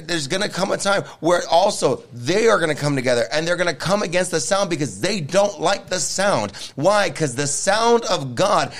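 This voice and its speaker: A man's voice: high voice, animated, moderate pace, few pauses. A man hosting a group discussion in a fervent revival preaching style, repeating words and phrases for emphasis. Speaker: preacher and panel host.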